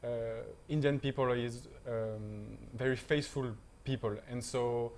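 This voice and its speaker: A young man, a panel guest speaking halting English with many fillers. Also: mid-range voice, steady tone, darkish tone, a little hiss or hum. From France. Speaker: panel guest, volunteer teacher.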